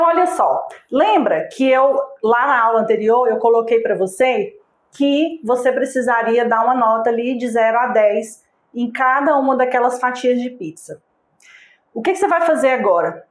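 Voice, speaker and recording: A woman's voice: a little high, roomy sound. A woman teaching a recorded online lesson. She speaks patiently, asks the viewer direct questions, and checks in with short tags. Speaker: online course instructor.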